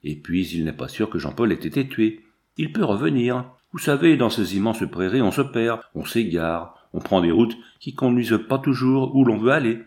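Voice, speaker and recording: Un homme jouant un voyageur bavard à la voix grave et rocailleuse. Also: male voice, lowish voice, expressive, moderate pace, a little mellow. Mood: reassuring. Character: talkative young male traveler, glib storyteller.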